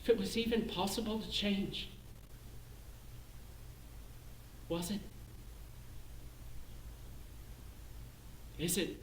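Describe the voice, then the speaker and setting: An actor playing a bitter middle-aged clerk with a Northern Irish accent in a theatrical monologue, swinging between hushed self-loathing and shouted rage. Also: male voice, high voice, brisk, a little hiss or hum, natural voice. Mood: bitter brooding. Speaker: stage actor in a one-man show. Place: performance space, live stream. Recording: roomy echo.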